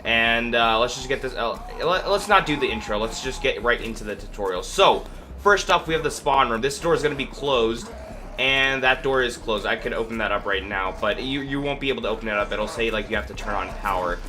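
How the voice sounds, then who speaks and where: Sharp in tone and fairly quick, a man with a mid-range voice and lively intonation hosts a laid-back gameplay walkthrough. He's stuffed up and sniffling from a cold, and his delivery rambles and hesitates with lots of fillers. The recording has clear background noise.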